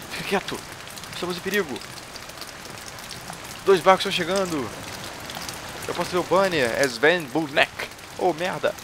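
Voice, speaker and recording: A man commenting on a game he is playing, reading out its dialogue and getting loud and excitable during fights, often swearing. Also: a little high, noisy background. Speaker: gaming YouTuber. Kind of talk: let's play commentary.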